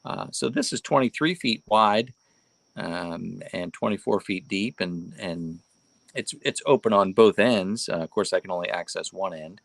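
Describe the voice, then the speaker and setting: A man with a fairly low voice chats casually as a livestream host. His delivery is folksy and rambling, circling back to repeat phrases for emphasis. The sound is dry, with very little room in it. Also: a little slow, vocal fry, dry recording. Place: inside a barn.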